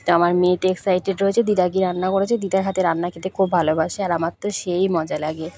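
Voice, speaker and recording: A woman's voice: lowish voice, flat delivery, rapid-fire, darkish tone, slight background noise. A young woman from West Bengal narrating her travel vlog in a friendly way, talking straight to her viewers, with a sore throat. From West Bengal, India. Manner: friendly, addresses viewers directly. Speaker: vlogger.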